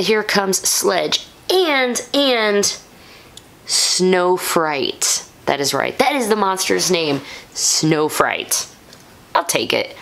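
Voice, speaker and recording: A woman hosting her own vlog, reviewing a show episode in a casual, excitable way with gushing bursts of enthusiasm. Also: medium pitch, vocal fry. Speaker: YouTube show host and reviewer. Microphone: camera-mounted shotgun microphone.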